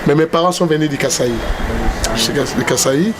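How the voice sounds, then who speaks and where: A Congolese man with a Congolese French accent, a singer telling his story in a TV interview with unhurried pauses and hesitations. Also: on the high side, loud music behind the voice. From Democratic Republic of the Congo. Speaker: guest singer. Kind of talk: interview answers. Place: TV studio. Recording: noisy background hum.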